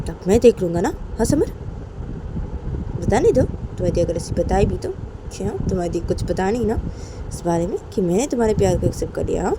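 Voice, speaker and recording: A woman's voice: on the low side, background noise, lightly acted. A woman voicing a male teacher who firmly tells his student what to do, repeating herself. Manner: firm, repeats commands. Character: bossy male teacher, scolding then coaxing.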